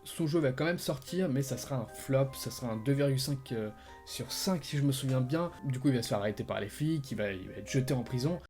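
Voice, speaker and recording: A man retelling the endings of an interactive film in a casual, animated way, full of fillers and sound words like "bam". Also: mid-range voice, fairly quick, over music. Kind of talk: casual explainer narration.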